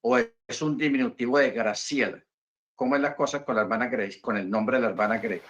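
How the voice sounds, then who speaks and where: Man, bible teacher, video call class, bright forceful voice, repeats points patiently, muffled lo-fi audio. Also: mid-range voice, expressive, fairly quick.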